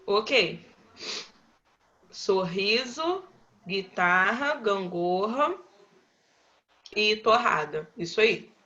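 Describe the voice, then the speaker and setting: Uma professora brasileira dando aula online, chamando os alunos pelo nome e repetindo as respostas com paciência. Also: female voice, medium pitch, expressive, pushed and bright, lo-fi sound. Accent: Brazilian Portuguese. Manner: patient, slow, calls on pupils by name and repeats answers. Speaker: primary school teacher. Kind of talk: online class, quizzing pupils.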